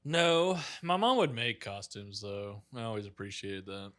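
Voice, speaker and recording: Joking co-host man with a bright voice. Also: fairly low pitch, sing-song. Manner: short teasing interjections, quick to joke. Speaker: podcast co-host. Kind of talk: casual profane chat.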